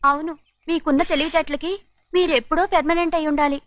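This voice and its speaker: An actress playing a teasing, sharp-tongued woman of the household in a film scene. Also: sits high, fairly even intonation, quick pace, no echo, close to an everyday voice. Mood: mocking.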